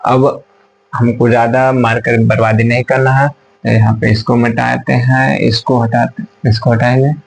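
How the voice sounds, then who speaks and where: Turning now and then to the whiteboard, which makes his voice drift farther away, a male teacher explains rules one step at a time. He repeats himself and asks the class questions he answers himself, speaking unhurriedly at a middle pitch with a level tone and vocal fry, on a rough recording.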